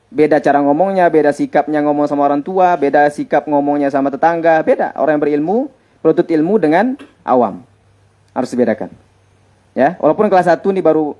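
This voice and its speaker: A man's voice: a little high, darkish tone. A man, a teacher at an Islamic boarding school giving students holiday advice in a conversational way, repeating his points for emphasis.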